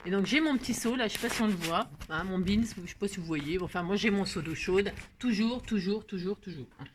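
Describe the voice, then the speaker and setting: A woman with a medium-pitched voice talks briskly while hosting a casual craft tutorial, with slight background noise. She's chatty and playful, teasing herself and using lots of fillers.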